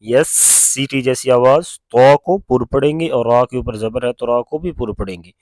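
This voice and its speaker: A man with an Urdu accent teaching Quran recitation, chanting verses slowly and then explaining the rules in quick plain speech. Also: mid-range voice, a little mellow, no room sound. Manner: alternates slow drawn-out recitation with quick spoken explanation. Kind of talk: tajweed lesson with slow recitation.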